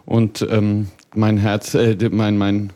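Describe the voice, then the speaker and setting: A man who leads a singing workshop, talking in a lively, jokey way in an interview. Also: on the low side, slow. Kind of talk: casual interview chat.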